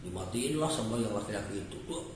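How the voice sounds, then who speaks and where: Guy telling a funny folk story, lively swoopy voice, far off in a super echoey room. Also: fairly low pitch, quick pace, slight background noise. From West Java. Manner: animated, jumping between voices.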